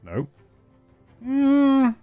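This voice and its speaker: A man's voice: very high voice, huge pitch swings, drawn-out words, muffled recording, soft background music. A man streaming a game, chatting casually with wry, chuckling asides. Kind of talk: casual chat.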